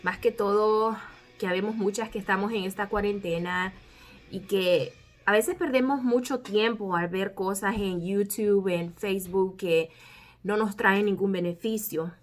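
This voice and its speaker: Spanish-speaking woman teaching english letters, really slow and careful, middle pitch. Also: steady tone. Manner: slow, careful, drawn-out spelling.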